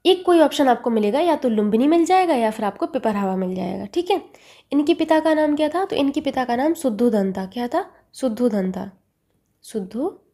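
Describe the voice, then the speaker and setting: A woman teaches an exam-prep lesson with a warm, mellow tone and a fairly high pitch. She asks a short question, answers it herself, and repeats the key word so it sticks. She talks close to the mic. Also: expressive, fairly quick.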